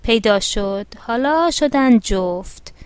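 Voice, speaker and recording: A woman's voice: fairly high pitch, warm tone, dry recording, close to an everyday voice. A woman voicing a kindly male street salt seller who talks plainly and friendly. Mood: pleased.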